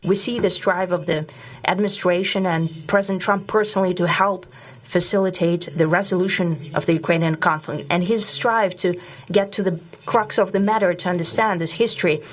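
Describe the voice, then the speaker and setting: A woman interpreter speaking a translation voice-over of a leader's remarks, formal and measured with small hesitations. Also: fairly low pitch, steady tone. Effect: translation voice-over for a foreign leader. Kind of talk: interpreted speech.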